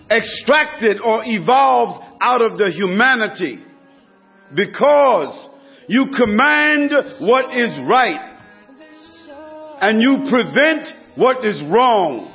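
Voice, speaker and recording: High-voiced man preaching emphatically. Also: creaky. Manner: emphatic, repetitive rhetorical build-ups. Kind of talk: sermon. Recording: dull lo-fi recording with faint music.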